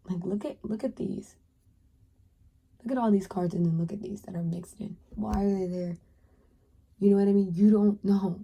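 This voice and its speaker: A young woman with a lowish, slightly rough voice gives a pick-a-card tarot reading. She talks to the viewer earnestly and encouragingly, now and then dropping to a soft whisper.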